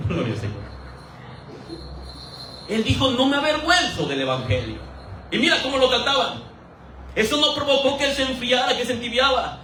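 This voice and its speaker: High, bright-voiced preacher in an echoing church. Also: male voice, fairly quick, slight background noise. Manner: animated, rhetorical questions, acts out quoted voices for humor. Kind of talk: sermon. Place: church hall. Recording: roomy echo, voice from a distance.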